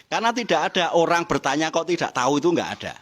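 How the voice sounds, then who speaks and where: A man's voice: a little high, big pitch swings, fast, fairly bright tone. A middle-aged man gives a motivational seminar talk, teasing the audience with questions and laughing along. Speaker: business motivational trainer.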